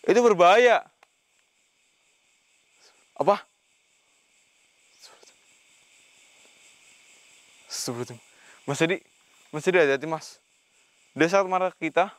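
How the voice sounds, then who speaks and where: A man's voice: a little high, no echo. A man hosting a ghost-hunting vlog who sternly questions an unseen spirit and recites Islamic prayers between his questions. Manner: commanding, confronting an unseen spirit. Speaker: paranormal investigator host.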